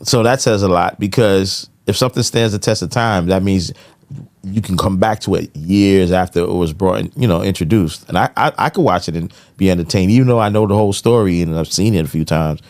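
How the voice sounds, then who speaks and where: An American man hosts a podcast in a low-pitched, darkish voice, talking fairly quickly. He's casual and slangy, packing his speech with conversational tags like "you know."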